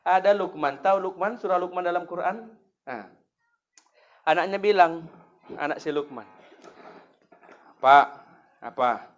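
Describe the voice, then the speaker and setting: A man's voice: high-pitched, moderate pace, long pauses, highs cut off. A man with a North Sumatran Indonesian accent giving a humorous sermon to a women's study group, joking and speaking straight to his listeners. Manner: lively, joking, often addresses listeners directly. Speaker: preacher.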